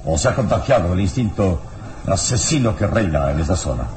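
A commanding hero of radio melodrama. He is stern and authoritative, with a lively swing in pitch, on a noisy old recording. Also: brisk. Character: commanding heroic adventurer confronting a crazed inspector. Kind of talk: melodramatic radio drama acting.

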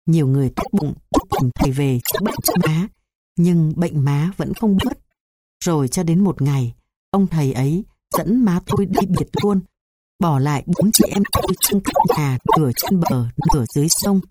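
A woman reading a memoir aloud in a measured, sorrowful way. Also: sits low, animated. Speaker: narrator. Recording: noisy hissy recording.

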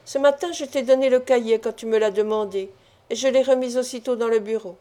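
A woman's voice: fairly high pitch, fairly even intonation, fairly quick, mellow, natural voice. A woman reading the lines of a worried middle-aged mother who answers earnestly. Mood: answering.

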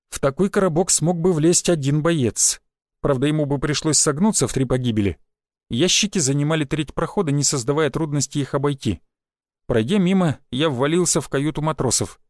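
A man reading a first-person audiobook in a lively way, putting on voices for the characters. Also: fairly high pitch, no echo, studio quality. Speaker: audiobook narrator.

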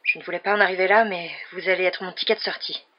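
A reader, likely a woman, voicing a panicked, desperate young man holding a knife, talking loud and panicky, on a dull lo-fi recording. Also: mid-range voice, fairly even intonation, fast, lightly acted. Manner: raised, panicky.

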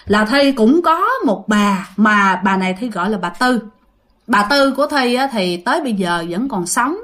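A woman with a Southern Vietnamese accent hosts ghost stories in a chatty, casual style, repeating phrases and addressing her listeners directly. Her voice is medium in pitch, animated and a bit bright, at a moderate pace.

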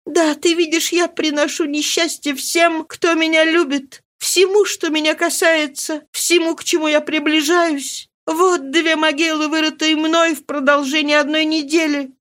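A woman voicing a grief-stricken young noblewoman, speaking high and pleading in trembling despair. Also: little pitch movement, unhurried, few pauses, fairly bright tone. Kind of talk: audiobook character reading.

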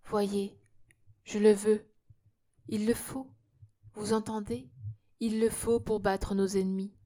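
Young heroine, gentle but firm, soft questioning, warm mellow voice, read by a woman. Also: medium pitch, flat delivery, takes it slowly, lightly acted. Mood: commanding. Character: determined young woman hypnotist, gentle yet commanding.

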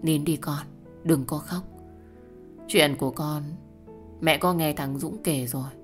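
Woman playing an aging mother, low, grieving, faint music behind. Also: slow pace. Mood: soothing. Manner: soothing, then shocked and grieving. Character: worried aging mother comforting her daughter.

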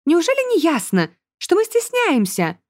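An earnest, bossy young schoolgirl insists on doing things properly in a storybook reading, voiced by a woman. She speaks high and pressing. The recording is dry and close. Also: wildly swooping pitch, normal speed, dry recording, heavily acted. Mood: stern. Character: eager, bossy young girl student.

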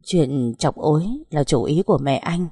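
A woman voicing an ashamed young man who explains himself haltingly. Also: low-pitched, mellow, slightly rough, no echo, studio quality. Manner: faltering, halting.

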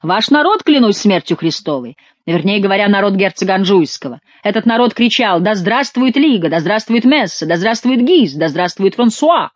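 A woman's voice: mid-range voice, expressive, normal speed, no room sound, dull audio, voice pushed up, natural voice. A woman voicing an indignant young male courtier who talks with bitter sarcasm.

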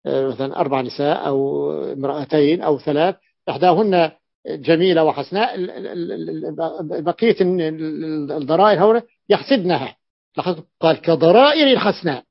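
A male grammar teacher giving a classroom lesson, explaining slowly and repeating key phrases, with drawn-out hesitations. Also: fairly high pitch, creaky, dry recording. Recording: dull, dry, lo-fi classroom recording.

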